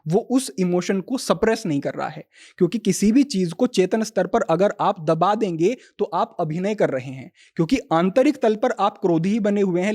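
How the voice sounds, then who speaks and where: A man speaking as a yoga teacher on a podcast, calmly explaining spiritual ideas and quoting Sanskrit verses. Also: high voice.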